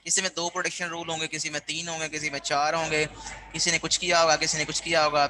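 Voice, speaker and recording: Bright-voiced male lecturer. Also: fairly high pitch, flat delivery, fast, low-quality recording. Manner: explanatory, keeps checking in with students. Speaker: university lecturer. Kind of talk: classroom lecture.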